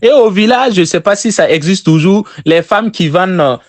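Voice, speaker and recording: Lively high-voiced Burkinabè man teaching sales. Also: normal speed, no echo. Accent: Burkinabè French. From Burkina Faso. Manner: repeats key phrases for emphasis, addresses listeners directly. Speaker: sales trainer.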